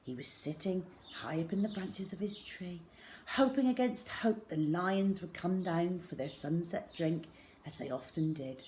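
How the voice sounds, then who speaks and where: A woman reads a children's story aloud, measured and dramatic, using hushed emphasis to make it expressive. Her voice sits on the low side, with a little hiss or hum in the recording.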